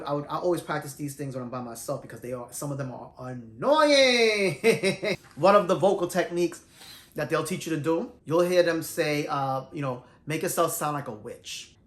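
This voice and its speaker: A middle-aged man telling his singing story in a loose, animated, conversational way, teaching as he goes. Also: fairly high pitch. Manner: animated, self-described shy introvert, loose and conversational. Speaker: vlogger sharing singing tips. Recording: roomy echo.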